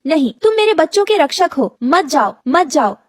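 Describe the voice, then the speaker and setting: Gentle sparrow mother voiced by a woman; high, pleading, anxious. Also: sing-song, moderate pace, dry recording. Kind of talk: cartoon voice acting.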